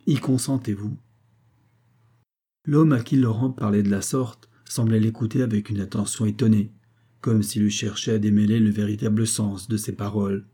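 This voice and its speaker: Dark, husky male storyteller. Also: on the low side, steady tone. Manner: measured, storytelling. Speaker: narrator. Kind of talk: audiobook narration.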